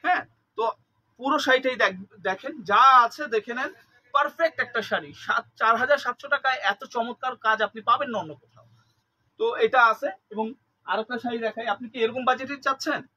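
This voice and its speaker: A man from Bangladesh, chatting through a live sales pitch for sarees, repeating details and slipping English words into his talk. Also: moderate pace, sharp tone, rough recording. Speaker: saree seller on a live stream.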